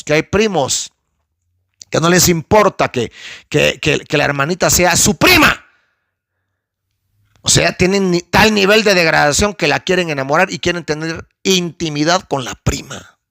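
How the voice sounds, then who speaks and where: A man's voice: on the high side, measured pace, creaky, dry recording, studio quality. A male pastor, preaching an emphatic, conversational teaching that addresses listeners as sister and brother. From Guatemala. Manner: conversational and animated, asks the audience for help. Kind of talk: sermon teaching.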